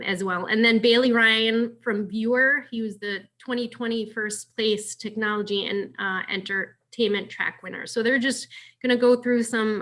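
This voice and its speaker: Bright-voiced woman introducing speakers. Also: mid-range voice. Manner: relaxed, filler-heavy. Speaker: session organizer introducing speakers. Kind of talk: casual introduction on a video call. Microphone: video call.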